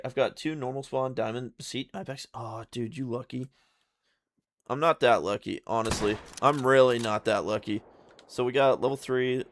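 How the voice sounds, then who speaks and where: A man's voice: mid-range voice, vocal fry. A man chatting casually on a live stream while he plays, laid-back and slangy, often stuttering and repeating his words. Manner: slangy, laid-back, calls viewers brother and dude.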